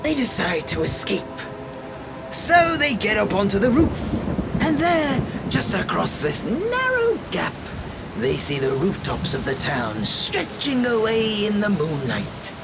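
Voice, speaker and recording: A man's voice: sits high, huge pitch swings, takes it slowly, creaky, heavy background noise, full character voice. A man acting a manic, taunting clown-like villain in an amateur radio drama, theatrical in his delivery. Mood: wry storytelling. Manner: theatrical, swinging between mutters, shouts and cackles. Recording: echoey reverberant drama mix, loud music bed. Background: loud music, rain.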